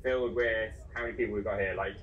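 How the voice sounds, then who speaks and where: A man's voice: lowish voice, steady tone, fast, fairly bright tone, lo-fi sound. A man in his thirties presenting as an upbeat cruise TV co-host, playful and teasing in light banter. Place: filmed off a television screen in a room. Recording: distant TV playback with background noise.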